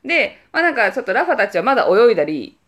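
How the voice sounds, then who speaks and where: 明るい関西なまりの若い女性が、くだけた雑談の中で身振りたっぷりに旅先の思い出を語る。. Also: female voice, a little high, very fast. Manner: animated, acts out quoted voices. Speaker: podcast co-host. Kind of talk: casual storytelling chat.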